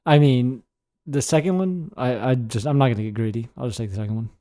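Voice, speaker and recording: Laid-back mellow-voiced male co-host. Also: medium pitch, fast talker. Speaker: podcast co-host. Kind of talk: casual podcast chat.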